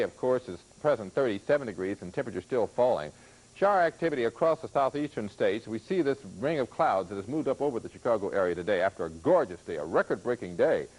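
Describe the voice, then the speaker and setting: A male TV weatherman giving a live forecast in a chatty, ad-libbed way. His low voice moves quickly with lively swings in pitch. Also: poor audio. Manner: chatty, loose ad-libbed delivery. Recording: off-air 1980s TV tape.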